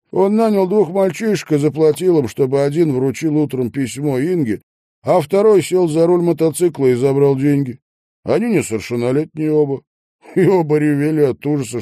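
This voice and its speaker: A man's voice: medium pitch, warm tone, dry recording, lightly acted. A man voicing a level-headed male detective in an audiobook, talking in a dry, explanatory way. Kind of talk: audiobook character voice.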